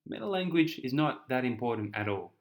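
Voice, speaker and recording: A man's voice: medium pitch, lively intonation, fairly quick. A young man with an Australian accent explains an essay in a chatty, casual tutoring style, often repeating words and restarting.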